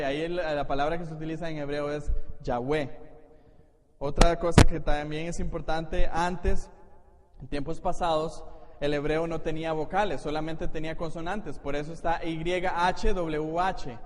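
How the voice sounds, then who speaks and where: In an echoey church hall with faint noise, a pastor from Costa Rica teaches his congregation a Bible study, walking them through explanations. He speaks with a Costa Rican Spanish accent at normal speed, with a fairly high pitch and fairly even intonation.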